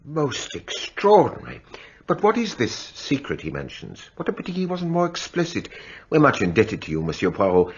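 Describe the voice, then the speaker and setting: A man's voice: mid-range voice, wildly swooping pitch, moderate pace, husky, exaggerated voice. A man playing a formal examining magistrate who questions witnesses insistently in a radio drama. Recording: dull studio audio play.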